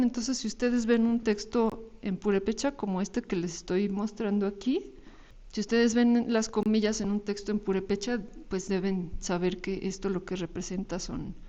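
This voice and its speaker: A woman with a Mexican Spanish accent delivers a recorded university lecture over slides, explaining patiently with frequent tag questions and small restarts. Her mid-range voice is mellow, and the highs in the recording are cut off.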